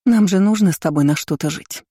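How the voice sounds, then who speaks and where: A woman voicing a scheming, seductive stepmother in an audiobook story, lifting her voice higher and coy. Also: fairly quick, dark tone, slightly rough, no echo, clean studio sound.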